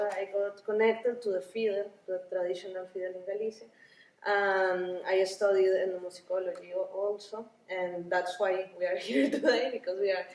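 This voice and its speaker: A woman from Rica, a Spanish speaker, answering interview questions in a halting way with many restarts and small laughs. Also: medium pitch, darkish tone, a little hiss or hum. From Costa Rica. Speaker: violinist and ethnomusicology researcher. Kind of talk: conference interview. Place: busy conference venue. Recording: roomy, distant, with busy crowd murmur.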